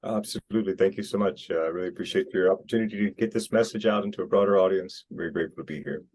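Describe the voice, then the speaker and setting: A man's voice: low voice, racing, a little mellow, husky. A man from the United States, talking earnestly as an interview guest, rambling with many restarts. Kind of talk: casual interview talk. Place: Costa Rica.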